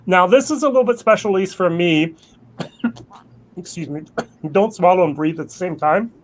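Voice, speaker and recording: A man's voice: high-pitched, normal speed, slight background noise. A man hosting a casual online tasting and interviewing the guests. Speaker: host.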